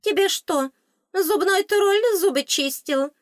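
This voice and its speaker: A pint-sized tooth fairy squeaks and shrills with theatrical outrage, bossing someone around. The voice sits far above a normal speaking voice. The sound is dry and close, with no room around it. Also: female voice, slow, no room sound. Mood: bossy. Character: tiny squeaky female tooth fairy, bossy and indignant.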